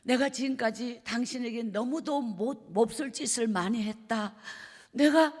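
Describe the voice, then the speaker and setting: A woman's voice: fairly high pitch, unhurried, a little mellow. A woman preacher with a Gyeongsang accent, voicing a dying older husband who tearfully begs his wife's forgiveness. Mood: pleading, remorseful. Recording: long reverb of a church hall.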